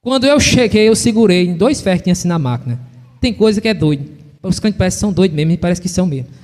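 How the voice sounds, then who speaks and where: A man with a Brazilian accent preaching a fervent evangelical sermon in a church, telling stories and rising to shouts. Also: sits high, expressive, very fast. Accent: Brazilian Portuguese. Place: church hall. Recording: long church-hall reverb.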